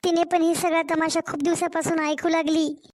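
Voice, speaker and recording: A woman's voice: very high-pitched, level tone, moderate pace, a little mellow. A woman voicing a young, mistreated daughter-in-law in a cartoon story, pleading. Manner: pleading, complaining.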